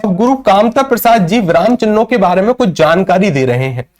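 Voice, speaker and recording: A man's voice: high voice, animated, a little fast, a little mellow. A man from northern India teaching a live online grammar class, answering his own questions and greeting viewers by name.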